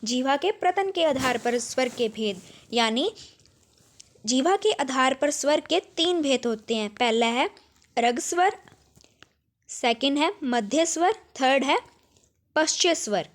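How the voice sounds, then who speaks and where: A woman with a Punjabi accent teaches an exam-prep grammar lesson in a high, light voice. She asks questions, answers them herself, and draws each vowel out slowly as she sounds it. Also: lively intonation.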